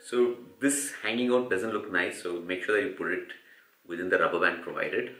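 A chatty Indian man in his forties talks to a handheld camera, explaining each step in an upbeat way. His voice sits low but sounds bright and forceful. The rooms echo, with a faint hum of traffic behind him. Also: moderate pace. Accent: Indian English. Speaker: cycling vlogger. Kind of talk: casual vlog narration to camera. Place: hotel room, car and street at night. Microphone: handheld camera at arm's length.

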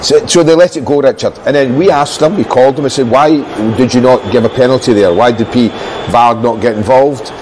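A man's voice: mid-range voice, fairly quick, few pauses, slight background noise, poor audio. Blunt older male football pundit. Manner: blunt, opinionated, animated. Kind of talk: studio football analysis. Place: TV studio. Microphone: lapel.

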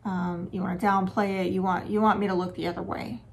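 A woman's voice: on the low side, flat delivery, a little fast, slight background noise. Frank woman giving dating advice. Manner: frank, conversational, lightly sarcastic. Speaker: relationship and dating advice host. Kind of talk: casual advice talk to camera.

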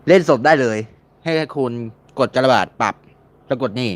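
A man's voice: mid-range voice, normal speed. A man giving a casual, screen-recorded tutorial, chatting and repeating words while he searches and clicks. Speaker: mobile game modding tutor.

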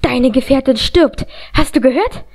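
A woman's voice: moderate pace, a little mellow. A woman reading an audiobook, voicing a cruel, jealous witch who shrieks and taunts. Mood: possessive. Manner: shrill, taunting, screeching.

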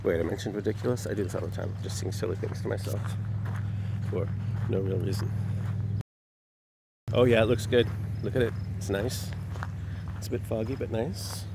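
A man talks casually to his dashboard camera as he drives, his voice sitting a little low. He is chatty and wry, and loud road noise runs under everything he says. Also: fairly even intonation, moderate pace, vocal fry, long pauses. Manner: chatty, wry, sings to himself. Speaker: vlogger. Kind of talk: casual narration while driving. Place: inside a car, then outdoors by a lake.

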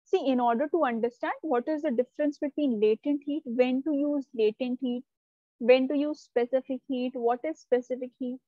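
A woman's voice: sits high, fairly even intonation, normal speed, no room sound, narrow, tinny audio. A woman teacher, giving a live online lesson and explaining step by step while checking that her students follow. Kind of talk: live online class lecture.

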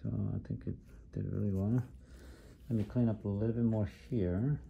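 In a clinic room, a podiatrist casually chats with a patient while cleaning a wound, staying encouraging and saying uh-huh many times. His voice is on the low side and creaky, with fairly even intonation at a moderate pace. The audio is dull, with slight background noise.

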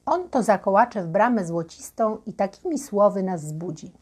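A woman voicing a solemn giant armored knight with wings, speaking in an archaic, husky voice in a storybook legend. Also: medium pitch, animated, normal speed, a little mellow.

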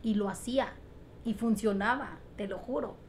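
A woman's voice: medium pitch, moderate pace. Woman vlogger, mid-range voice, earnest motivational delivery, faint noise underneath. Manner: emphatic, repetitive, asks rhetorical questions. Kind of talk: motivational talk to camera.

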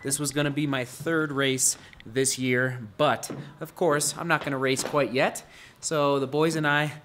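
A man's voice: a little high, fairly even intonation, measured pace, a bit bright, a little hiss or hum. Upbeat man vlogging from a hotel. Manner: upbeat, chatty, walking and filming himself. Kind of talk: casual vlog talk to camera. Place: hotel rooms and hallways, indoors. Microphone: handheld camera at arm's length.

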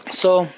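In his home garage, a tired Southern California man in his forties rambles casually to camera, full of ums and self-corrections. His voice is high-pitched and creaky, and the recording is very noisy, picked up by an on-camera mic held at arm's length and set on a bench.

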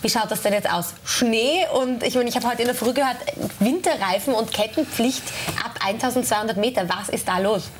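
A woman's voice: fairly high pitch, brisk, slight background noise. Cheerful woman co-hosting TV. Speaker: morning show co-host. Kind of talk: breakfast TV hosting. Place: TV studio set.

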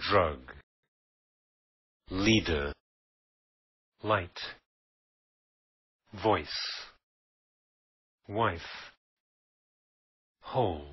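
Male reader for a word-by-word pronunciation list: very slow and deliberate, dry, muffled lo-fi sound. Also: low voice, husky, dry recording. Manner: says each isolated word slowly and deliberately, with pauses between. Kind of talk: reading a vocabulary list word by word. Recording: dull lo-fi dry recording.

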